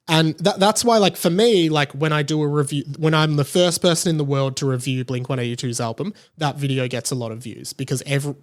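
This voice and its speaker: Flying solo on his podcast, a man with a fairly high voice offers casual commentary in a conversational tone. He thinks aloud and repeats words to drive his points home.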